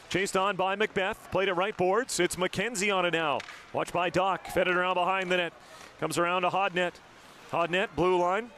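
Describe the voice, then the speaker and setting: A man's voice: high voice, fairly bright tone, a little hiss or hum. A man doing live hockey play-by-play on a broadcast mic, rattling off each pass and shot in short, clipped calls. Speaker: play-by-play announcer.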